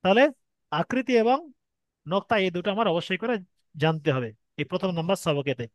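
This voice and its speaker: A man with a Bengali accent, his voice sitting high and expressive at a fairly quick pace, teaches Arabic letters in an online Quran reading lesson. He patiently explains step by step and stretches sounds to demonstrate, with no room sound audible.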